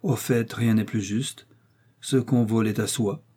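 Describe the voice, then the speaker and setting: Man doing a brooding jealous lord, tense, hushed then raging, storybook reading. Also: mid-range voice, expressive, normal speed, slightly rough. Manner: tense, alternately hushed and enraged. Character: brooding jealous nobleman, furious and scheming.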